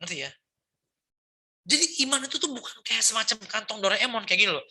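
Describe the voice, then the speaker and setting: A middle-aged male pastor preaching in a loose, conversational way, often tagging his sentences with quick checks to the crowd and dropping in English words. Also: high voice, animated, creaky, bright, forceful tone. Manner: chatty, peppers speech with tag questions and English words. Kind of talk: conversational sermon.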